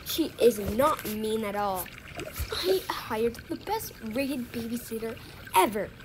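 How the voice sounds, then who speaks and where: A woman voicing an upset mother who loudly scolds her children. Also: on the high side, lively intonation, slow, a little hiss or hum, pitched below the performer's own voice. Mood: scolding. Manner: loud, scolding, indignant.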